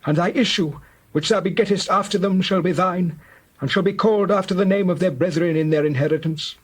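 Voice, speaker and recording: In an audio scripture drama, a man plays a frail, aged Hebrew father close to death. His raspy voice sits fairly high, and he speaks gravely and deliberately with solemn tenderness. The mood is solemn and reminiscent.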